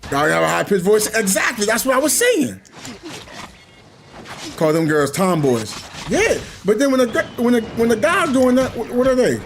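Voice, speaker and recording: A man's voice: high voice, moderate pace, vocal fry, noisy background. A man streaming a game, telling a long rambling story in casual chat and acting out the people in it. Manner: rambling, animated storytelling with voiced quotes. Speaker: gaming streamer. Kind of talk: casual chat while gaming.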